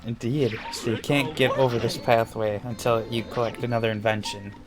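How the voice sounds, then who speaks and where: A man hosting a let's play with casual game commentary, dry and laconic with deadpan quips. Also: medium pitch, a little fast. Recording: game music playing behind.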